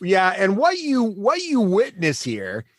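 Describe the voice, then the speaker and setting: Animated, higher-voiced male game master. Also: crowd noise. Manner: halting, thinking aloud while narrating. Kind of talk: casual narration of a tabletop game.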